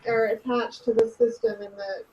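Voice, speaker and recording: A woman's voice: fairly high pitch, little pitch movement, normal speed, a little mellow. A woman joining a board meeting remotely over a video call, her voice muffled as if heard through a wall. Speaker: staff presenter joining remotely. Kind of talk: public agency board meeting report. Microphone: video call played into the room.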